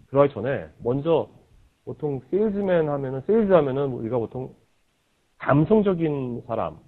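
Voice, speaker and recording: A man leads an interview, pressing his guest with searching questions and filling the pauses with short sounds of agreement. His voice comes through thin and tinny, like over a phone line. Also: mid-range voice. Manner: probing, frequent backchannel agreement. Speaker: interviewer, host. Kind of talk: book interview. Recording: tinny lo-fi radio-like audio.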